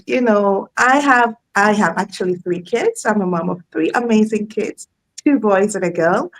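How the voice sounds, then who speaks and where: A woman's voice: mid-range voice, rough recording. A woman in her thirties, a guest in a live online interview, telling her story in a chatty way and laughing often.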